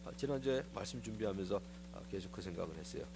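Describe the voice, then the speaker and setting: Low, gravelly, and racing, this middle-aged pastor's voice cuts through a noisy background. His sermon in the church sanctuary is personal and conversational, with lively stories where he acts out the people he quotes.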